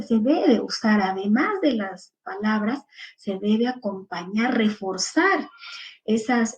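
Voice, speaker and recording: A woman with a Peruvian Spanish accent lectures a class of teachers, working through one point at a time. She lists examples one by one and fills her pauses with little hesitations. Her voice sits somewhat high. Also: darkish tone, poor audio.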